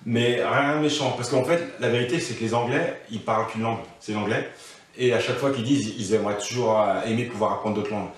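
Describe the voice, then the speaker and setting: A man in his thirties sits on a living room couch as an interview guest, offering casual advice in a thoughtful way with many restarts and fillers. He talks fast in a mid-range voice, picked up from afar by a camera mic in an echoey room.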